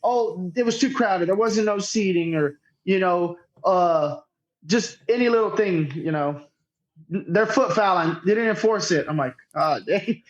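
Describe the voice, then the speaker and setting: A tournament director from Northeast Texas, United States, chats casually as a podcast interview guest, telling anecdotes informally and poking fun at himself. His voice is high-pitched and measured in pace, and the remote recording sounds dull and lo-fi.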